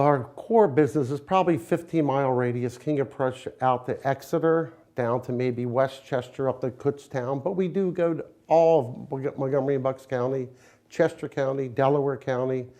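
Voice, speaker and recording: An American window company owner is interviewed for promotion, talking conversationally at a normal speed. He has a medium-pitched, warm voice and explains things in a plain-spoken, folksy way.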